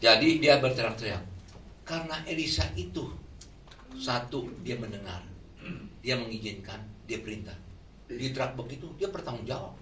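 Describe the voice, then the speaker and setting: A man preaching a sermon in a lively way, often putting questions to the congregation. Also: mid-range voice, normal speed, pauses often. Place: shelter hall. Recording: echoey room from far off, faint noise.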